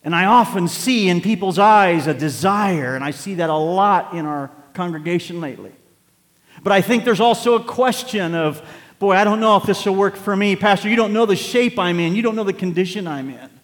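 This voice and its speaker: A man approaching sixty preaches a sermon with a fairly high voice. He starts out conversational and builds to emphatic exhortation. His words hang in the long reverb of a church sanctuary. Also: fairly quick. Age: 50s. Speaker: pastor.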